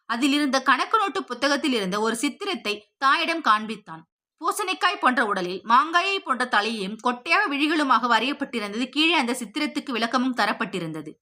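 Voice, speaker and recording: A woman narrating a story in a steady, expressive, scripted storytelling voice. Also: high-pitched. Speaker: audiobook narrator.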